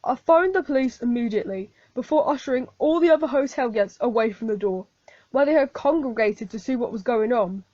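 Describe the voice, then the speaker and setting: A woman's voice: fairly high pitch, a little fast, mellow, dry recording, natural voice. A woman playing a male hotel landlord in an amateur radio play, giving a plain, careful account as a witness. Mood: recounting. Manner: plain, careful storytelling testimony. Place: home, recorded alone. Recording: dull, dry home recording.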